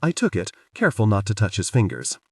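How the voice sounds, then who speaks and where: A man narrating a first-person audiobook with wry, lively storytelling. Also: fairly low pitch, quick pace, breathy edge, no room sound, clean studio sound, distant mic.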